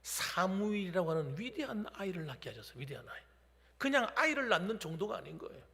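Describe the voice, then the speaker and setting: Animated, high-pitched Korean pastor preaching. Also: male voice, quick pace. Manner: emphatic storytelling sermon, acting out voices. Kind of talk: sermon. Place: church sanctuary. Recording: long church reverb.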